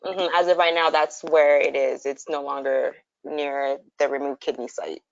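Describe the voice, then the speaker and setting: Low, very clear-voiced woman. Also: fairly even intonation, normal speed, no echo. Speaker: patient in a support group. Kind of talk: casual personal account. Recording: muffled video-call audio.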